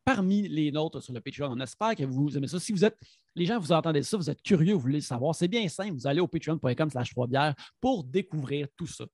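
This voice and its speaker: Man, high-pitched, hesitant friendly podcast co-host. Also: animated, fast, a little mellow. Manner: hesitant, many fillers, friendly. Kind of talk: casual chat on a live podcast.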